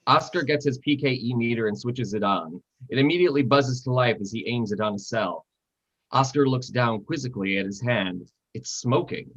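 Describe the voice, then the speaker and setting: A man narrating screenplay stage directions at a live reading, steady and descriptive. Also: mid-range voice, moderate pace. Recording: dull lo-fi sound.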